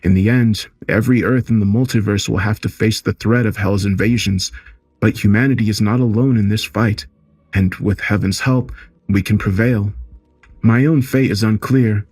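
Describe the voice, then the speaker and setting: A man's voice: lowish voice, steady tone, normal speed, darkish tone, husky, no echo. A man narrating solemnly and earnestly, as if giving a warning. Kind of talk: scripted horror narration.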